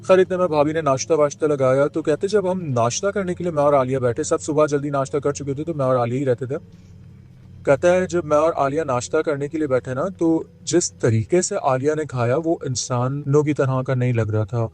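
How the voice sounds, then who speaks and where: A man with a slightly high, somewhat mellow voice tells a horror story in a casual, spoken way. He's retelling a friend's account, with lots of pauses and filler words.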